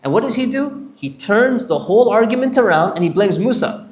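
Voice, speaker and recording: A man's voice: sits high, animated, a little fast, reverberant. A sheikh telling prophet stories to a congregation, acting out the characters' lines as he goes. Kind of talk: storytelling lecture. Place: Islamic center hall.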